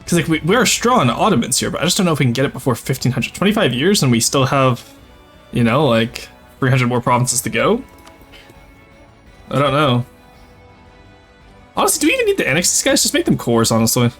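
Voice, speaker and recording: A young French Canadian man from Quebec, Canada, speaks with a light Québécois accent in a medium-pitched, sing-song, fairly bright and husky voice, going fairly quickly but pausing often. Soft music plays behind him. As a streamer in a casual gameplay livestream, he chats casually with viewers while playing a strategy game, chattily reading and answering chat.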